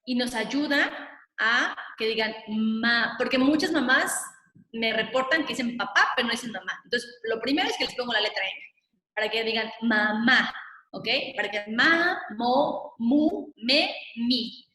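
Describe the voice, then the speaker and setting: A woman speech therapist, patiently explaining in a webinar and sounding out syllables slowly. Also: fairly high pitch, pushed and bright. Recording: echoey room, long reverb.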